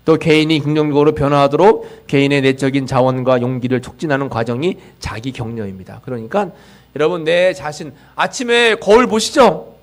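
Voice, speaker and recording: A man preaching a sermon as a pastor in a church, swinging from loud emphasis to near-whispered line endings and acting out voices of self-talk. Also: on the high side, a little fast. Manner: dramatic swings in loudness, trailing off to near-whispers at line ends; acts out quoted self-talk and leads the congregation in call-outs. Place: church sanctuary.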